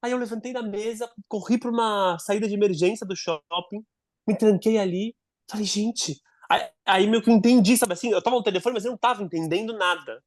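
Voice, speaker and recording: A man telling a personal story in a casual podcast conversation. He is animated, and he often restarts and repeats words as he goes. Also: high voice, a little fast, no room sound, studio quality. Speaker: podcast guest, adoptive father.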